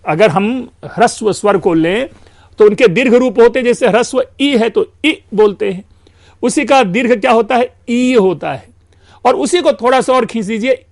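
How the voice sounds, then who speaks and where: A man lecturing on language and explaining terms step by step. He stretches out example sounds, slips into English phrases now and then, and addresses his listeners as friends. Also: high-pitched. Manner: explains slowly, drawing out sounds and mixing in English. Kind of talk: academic lecture.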